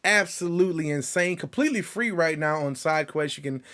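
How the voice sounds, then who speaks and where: Casting note: male co-host, slangy and excitable, a slightly higher voice than most men, keeps the chat loose and lively. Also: a little fast. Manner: excitable, animated storytelling with slang. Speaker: podcast co-host. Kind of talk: casual show chat.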